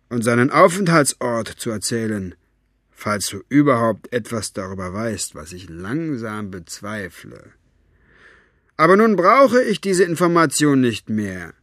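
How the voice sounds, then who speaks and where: A man's voice: medium pitch, a bit bright, no room sound, clean studio sound. A man reading an audiobook, voicing a cold, mocking villain leader who talks in a silky, menacing way. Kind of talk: audiobook character voice.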